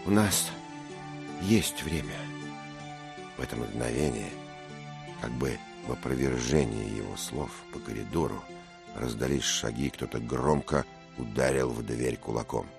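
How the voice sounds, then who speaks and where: A man narrating a story in a measured, dramatic way. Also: extremely low pitch, creaky, music in the background. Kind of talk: scripted narration.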